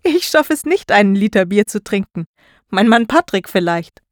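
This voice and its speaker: A woman's voice: fairly high pitch, lively intonation, normal speed, darkish tone, no echo, natural voice. A woman voicing an adult female social worker who questions students insistently, in a dry storybook recording. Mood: amused.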